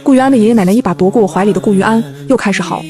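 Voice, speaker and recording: Her voice sits at a medium pitch as she races through a comedic web novel in rapid-fire style. It's a scripted audiobook, and she performs it playfully and with energy, taking on character voices along the way.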